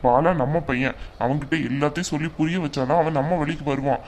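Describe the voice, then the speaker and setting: A woman's voice: low-pitched, fast talker, a little mellow, slight background noise, natural voice. A woman voicing a stern but caring older father-in-law in a cartoon, scolding and protective. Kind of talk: cartoon voice acting.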